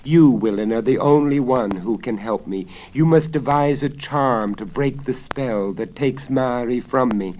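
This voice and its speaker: Man acting a desperate king, impassioned n commanding, slow dramatic storybook reading, bit of record crackle. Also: lowish voice, a little mellow, natural voice. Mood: anguished. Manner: impassioned, theatrical, imperious. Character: anguished, desperate lovesick king, commanding and impatient. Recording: crackly 1970s vinyl spoken-word record.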